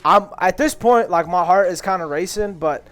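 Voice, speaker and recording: High-voiced young man telling a rambling story. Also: normal speed. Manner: rambling, profane, acts out quotes loudly. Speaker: podcast co-host. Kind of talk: casual storytelling chat.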